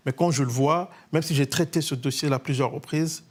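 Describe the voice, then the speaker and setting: A man's voice: a little high, a little fast. A man from Congo, a journalist and studio guest, speaking earnestly and repeating words as he thinks. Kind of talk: studio interview.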